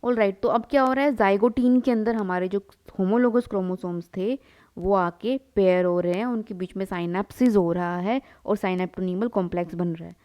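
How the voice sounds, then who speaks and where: Young female biology tutor with a warm, mellow voice, using a question-and-answer drill while drawing on the board. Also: medium pitch, moderate pace. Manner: asks students questions and answers them herself; calls listeners "beta" and mixes English into the talk. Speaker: biology teacher. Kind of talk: classroom lecture while drawing.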